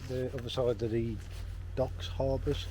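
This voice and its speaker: A British travel vlogger chats casually to camera in a laid-back way, using informal phrasing. His mellow, mid-range voice barely shifts in pitch and keeps a measured pace. The location audio carries faint noise.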